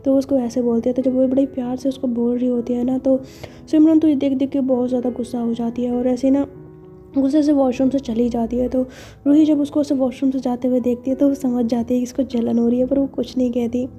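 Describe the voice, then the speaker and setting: A woman's voice: sits high, level tone, fairly quick, warm tone, soft background music. A woman telling a romance story in a chatty, casual way, full of fillers.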